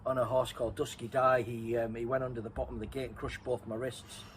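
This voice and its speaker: A middle-aged man talks at an ordinary pitch, spinning a long personal story in a loose, rambling way. He keeps restarting and correcting himself as he goes. A faint ambient hiss sits underneath. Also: level tone, fast talker, poor audio. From Redcar, North East England. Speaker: interviewee and co-host. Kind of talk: casual storytelling chat.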